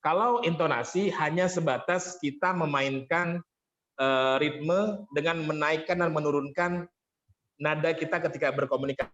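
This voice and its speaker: A man's voice: on the high side, normal speed, a bit bright. Man coaching on voice, lo-fi call audio. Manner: explains patiently, thanks participants often. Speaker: vocal training coach. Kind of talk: online workshop teaching.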